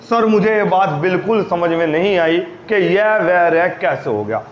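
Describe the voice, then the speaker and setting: A man's voice: high voice, lively intonation, normal speed, slight background noise. A man voicing a young male student who is puzzled but eager and respectfully calls the teacher sir. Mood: confused. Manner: deferential, addresses teacher as sir. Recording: roomy, dull lo-fi recording.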